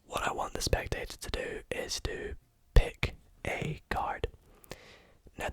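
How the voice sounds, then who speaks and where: A magician giving a whispered ASMR tutorial, gently explaining things step by step. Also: dry recording. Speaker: magician teaching a card trick.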